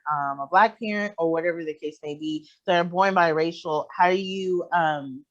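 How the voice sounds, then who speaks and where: A young podcast host asking long, rambling questions in a relaxed way, with many fillers. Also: medium pitch. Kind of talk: casual podcast interview. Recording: dull lo-fi sound.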